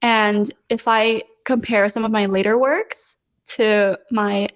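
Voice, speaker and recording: Taking it slowly in a steady, mid-range voice, a young artist from LA answers casually as a podcast guest, pausing over fillers and breaking into small laughs as she hesitates.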